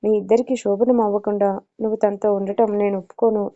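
A woman's voice: medium pitch, little pitch movement, fast talker, dark tone, lightly acted. Woman reading as a firm, caring mother-in-law. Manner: firm, scolding yet caring. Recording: dull lo-fi recording.

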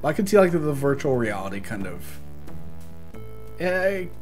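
A man's voice: mid-range voice, big pitch swings, normal speed, darkish tone, soft background music. A man giving casual, chatty gameplay commentary, talking to himself and laughing often. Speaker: let's play gamer.

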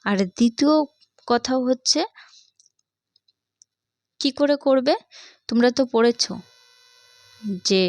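A woman's voice: a little high, no room sound. A woman with a Bangladeshi accent teaching an English reading lesson to young children, patiently repeating each point and asking the class questions.

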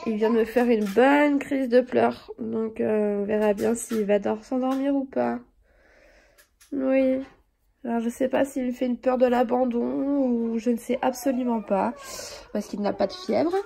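A young woman and mother with a cold, chatting casually and rambling through her day at home for a vlog, often dropping to a soft, low voice. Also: gravelly, a little hiss or hum. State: sniffling with a cold. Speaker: vlogger, mother of two young boys.

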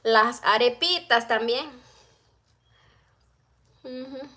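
High-voiced woman chatting in a kitchen. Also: very slow, bright, forceful tone. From El Salvador. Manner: chatty, reads viewer comments aloud. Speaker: vlogger. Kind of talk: casual live-stream chat while cooking. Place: home kitchen, indoors. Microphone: phone camera close-up.

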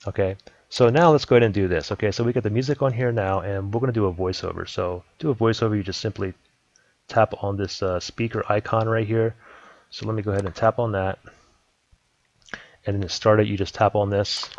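Guy with a lowish mellow voice talking thru editing software, laid back, step by step. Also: brisk, dry recording, dull audio. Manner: relaxed step-by-step explaining, repeats "let me go ahead". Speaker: software tutorial host. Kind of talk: casual screen-recording tutorial.

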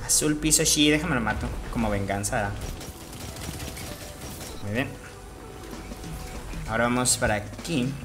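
A man with a Mexican Spanish accent giving live gameplay commentary as a streamer, jokey and profane, with sudden excited outbursts. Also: medium pitch, unhurried, pauses often, over music. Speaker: gaming streamer.

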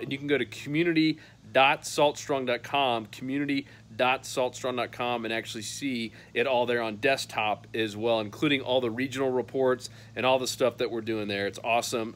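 Talking to a phone camera from an outdoor patio, a man in his thirties runs through a fishing newsletter roundup in a chatty, cheerful way, peppered with "uh" fillers. His voice is mid-range and a bit bright.

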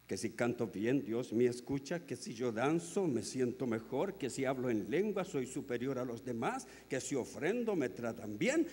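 A man with a Chilean accent preaching a sermon, telling stories and swinging from hushed tones to loud, emphatic peaks. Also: mid-range voice, sing-song, moderate pace, few pauses, slightly rough. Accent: Chilean Spanish. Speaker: pastor. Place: large convention hall. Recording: long hall reverb.

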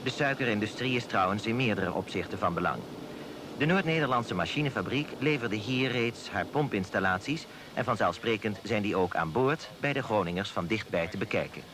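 A man giving formal, measured scripted voice-over narration for a documentary. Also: on the low side, animated, noisy background. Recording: voice-over with loud music behind.

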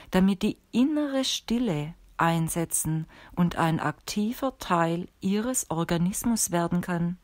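A woman's voice: fairly low pitch, darkish tone, no room sound. A woman reading as a stern old sorcerer man. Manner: measured, instructive. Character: old male sorcerer teacher, calm and stern. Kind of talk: audiobook reading.

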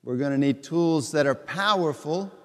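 A middle-aged man, a bishop, giving a homily at Mass in a slow, deliberate, conversational way with repeated phrases. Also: a little high, fairly bright tone. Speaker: bishop preaching. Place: large church sanctuary before the altar. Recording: long church reverb.

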